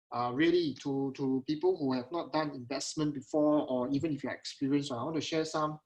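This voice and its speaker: Casting: Singaporean man as webinar host, slightly high voice, casual Singlish, repetitive check-ins with attendees. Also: low-quality recording. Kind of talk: casual live webinar talk to online attendees. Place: at home on a video call.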